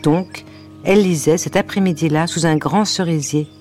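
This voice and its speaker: A woman storyteller reading a children's story aloud, with a gentle, wry narration and playful asides. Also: sits low, normal speed, soft background music.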